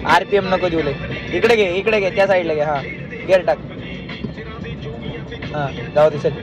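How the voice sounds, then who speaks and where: Over music, a driving instructor from Maharashtra with a high, slightly slow voice coaches a driver from the passenger seat. He keeps repeating short, bossy commands in this casual in-car session on the road, and the audio is muffled with loud road noise.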